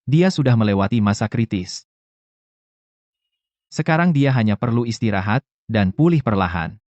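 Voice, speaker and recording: A man playing a calm hospital doctor in a dubbed TV drama, speaking in a measured, reassuring way. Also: medium pitch, no room sound, muffled recording, close to an everyday voice. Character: calm male hospital doctor, matter-of-fact.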